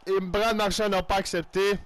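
Quebec French gamer guy, high voice, calls his own hockey game play by play, quick to shout. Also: slight background noise. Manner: excitable, loud outbursts, sprinkles English exclamations. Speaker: gaming YouTuber.

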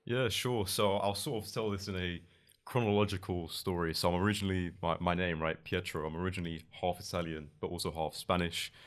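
Young London man, low voice, rambling guest who restarts his words often, booth mic in a studio. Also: fairly even intonation, a little fast. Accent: London English. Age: young adult. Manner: loose, rambling with many restarts and fillers. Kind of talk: casual interview. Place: podcast studio with couch. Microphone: boom mic on arm.

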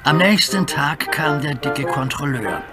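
A man narrating a children's cartoon story in a lively storytelling manner. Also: mid-range voice, moderate pace. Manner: animated, storytelling. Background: music.

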